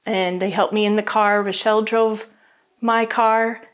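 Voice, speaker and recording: A middle-aged woman giving documentary interview testimony as a bereaved mother, speaking softly and reflectively with halting pauses. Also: mid-range voice, flat delivery, clean tone. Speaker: bereaved mother telling her story.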